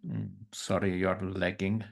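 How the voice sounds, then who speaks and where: A man's voice: sits low, flat delivery, a little slow, creaky. A man on a video call, a project maintainer discussing a technical proposal with hesitant, self-correcting phrasing. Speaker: project maintainer in an online meeting.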